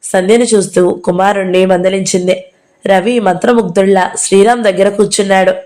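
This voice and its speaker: A woman's voice: medium pitch, fairly even intonation, fairly quick, darkish tone. A woman narrating a novel as an audiobook reader, reading all the characters' lines herself.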